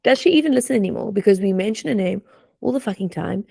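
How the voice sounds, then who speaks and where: A woman's voice: medium pitch, expressive, fast talker, creaky, dark tone, slightly rough, no echo, studio quality. A woman co-hosting a casual podcast chat, teasing and playful, laughing often. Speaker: podcast co-host.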